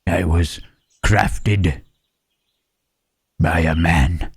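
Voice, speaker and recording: A man voicing a gentle, melancholy monster in an ASMR roleplay, speaking haltingly and pensively in formal phrases with questioning hums. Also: steady tone, exaggerated voice. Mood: sorrowful, doubting. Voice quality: low, husky. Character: gentle, melancholy Frankenstein's monster, male, pondering his soul.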